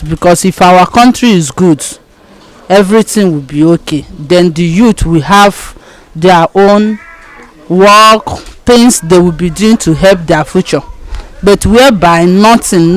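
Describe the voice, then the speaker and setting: A woman with a Nigerian accent answers an interviewer off the cuff. She speaks at a slow, measured pace. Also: fairly low pitch, rough recording. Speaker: street interviewee.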